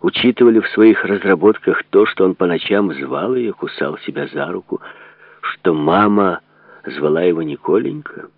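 A man reading an audiobook aloud in a measured, serious delivery, in a dry phone-like narrow recording. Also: sits low, lively intonation, vocal fry, dry recording. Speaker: narrator.

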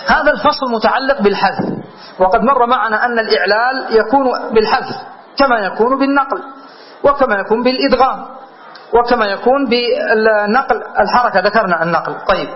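High-pitched sheikh man patiently walking through grammar rules, asks if it's clear, muffled lo-fi lecture tape. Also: slight background noise. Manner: patient step-by-step explaining, checks understanding with questions. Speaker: sheikh teaching Arabic grammar. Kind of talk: classroom grammar lesson. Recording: dull lo-fi lecture recording.

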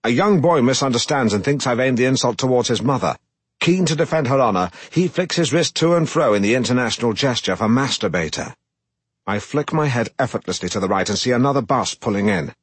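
A middle-aged man, reading a comic first-person story aloud in a deadpan, self-important manner, close to the mic. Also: mid-range voice, fairly quick, breathy edge, no room sound. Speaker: audiobook narrator.

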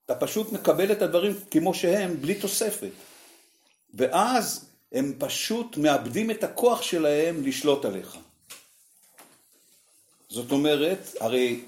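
A man teaching meditation to a group, explaining slowly and reflectively with many fillers and pauses. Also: fairly high pitch, darkish tone. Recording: echoey room.

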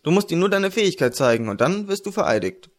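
A confident young sword mage speaks in an easy, reassuring voice, a touch high, as a male reader puts him on. He sounds friendly and joking in a fantasy audiobook. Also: big pitch swings, fast.

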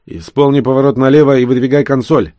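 A man's voice: mid-range voice, fairly even intonation, fast, no echo, pitched above the performer's own voice, close to an everyday voice. A man voicing a short-tempered male hacker who barks orders and insults his partner, for an audiobook. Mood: bossy. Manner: shouting, impatient, insulting.

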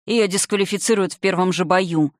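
A man's voice: high-pitched, fairly quick, no room sound, studio quality, natural voice. A reader voicing a young male silver dragon, irritable and gloomy, who talks in a sarcastic, snapping way in an audiobook. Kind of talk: audiobook character reading.

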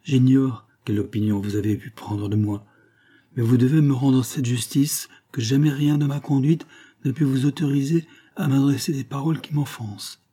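A man's voice: medium pitch, steady tone, normal speed, warm tone, voice pushed up, lightly acted. A man reading the lines of a proud young woman who firmly turns away a suitor, in a restrained, firm voice. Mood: severe.

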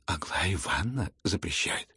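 A meek young prince, earnest and gentle, who speaks softly and a little hesitantly, as a male reader voices him. His voice sits low, quiet and husky, with a gravelly edge. It is an audiobook character reading. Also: expressive, moderate pace, no room sound, studio quality, full character voice.

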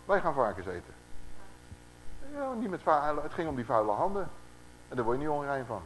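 This is a man's animated, conversational sermon teaching the Bible to a gathered congregation, loaded with rhetorical questions aimed at his audience. His voice is a little high and his pace quick. The audio is poor, with slight background noise.

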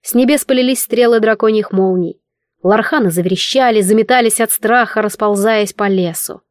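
Expressive woman narrating a fantasy audiobook. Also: medium pitch, normal speed, no room sound, studio quality. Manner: expressive, emotional storytelling.

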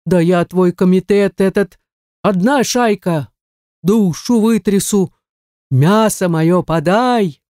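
A man's voice: sits high, slow pace, a little mellow, dry recording, studio quality. A woman growling as a brutal peasant man. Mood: threatening. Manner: growling, threatening.

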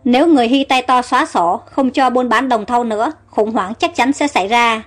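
A woman narrating a storybook in a steady, explanatory way. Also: fairly high pitch, a little fast, soft background music.

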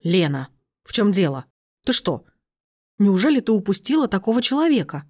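A woman reading aloud and voicing a domineering middle-aged aunt who bursts into shrill, indignant outbursts. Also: sing-song, moderate pace.

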